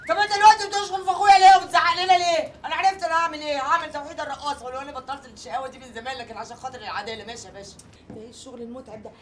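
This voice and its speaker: An actress with an Egyptian accent playing a loud, brash comic woman who used to dance. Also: on the high side, fairly even intonation, very fast, slight background noise. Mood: indignant.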